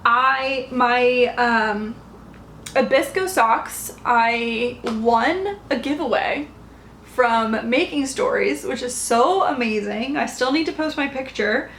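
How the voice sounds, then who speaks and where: Slow-talking woman with a gravelly voice. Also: fairly high pitch, a bit bright. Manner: chatty, rambling, many fillers and restarts. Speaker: knitting podcast host. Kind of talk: casual chat showing yarn haul. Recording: echoey room, faint background noise.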